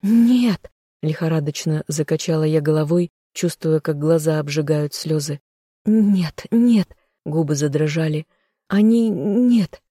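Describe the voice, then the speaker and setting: A woman voicing a stubborn young heroine who shouts and pleads on the edge of tears, in an audiobook reading. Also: sits low, level tone, moderate pace, hardly any pauses, dry recording, studio quality. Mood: desperate.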